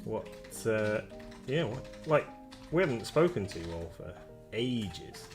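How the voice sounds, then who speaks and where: A man's voice: on the low side, very animated, a little slow, over music. Hesitant man hosting a stream. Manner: hesitant, self-deprecating, many fillers. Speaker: live-stream host painting miniatures. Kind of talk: casual chat. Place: home streaming room.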